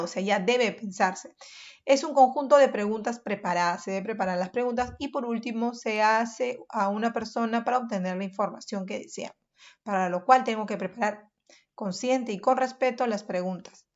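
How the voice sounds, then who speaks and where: A woman teacher from Peru walks her young pupils through a review lesson, explaining each point step by step and calling them "chicos". Her voice sits fairly high. The audio is a little muffled and lo-fi. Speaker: primary school teacher.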